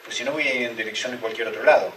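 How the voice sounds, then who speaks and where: A man's voice: mid-range voice, rapid-fire, fairly bright tone, slight background noise. A male pastor preaching a sermon and asking his listeners many rhetorical questions. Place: church hall. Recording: roomy, echoey church hall, mic at a distance.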